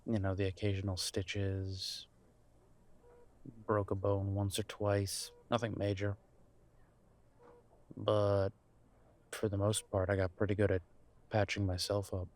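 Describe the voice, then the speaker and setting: A man acts in an intimate audio roleplay, voicing a gentle boyfriend who is a nervous, reassuring grown son visiting his mother. His fairly low voice stays monotone, and the mood is reflective and uneasy. The delivery is halting and hesitant with sighs and quiet chuckles, comforting yet unsure.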